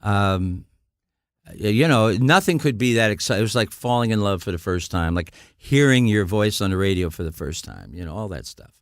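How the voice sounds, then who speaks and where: Telling rambling stories in conversation, a guest musician, an older man from the US Midwest, keeps restarting his sentences. His low-leaning voice has lively intonation and a moderate pace, captured cleanly in a studio with no echo.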